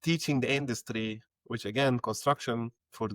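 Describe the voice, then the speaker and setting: A man's voice: mid-range voice, fairly even intonation, normal speed, fairly bright tone, no room sound. Lebanese-born man talking conversationally. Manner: conversational, repeats words while thinking. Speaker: guest, head of growth. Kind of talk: casual interview talk.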